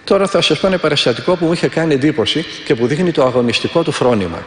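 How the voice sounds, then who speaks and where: A man with a fairly high, expressive voice, an Orthodox monk, delivers a storytelling sermon with earnest, vivid energy and recurring prayers. The sound echoes through a reverberant hall.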